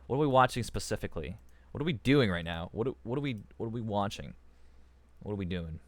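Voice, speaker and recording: A man's voice: on the low side, expressive, fast talker, no room sound. A man rambling casually on a live stream, restarting his sentences and reading chat aloud into a desk microphone.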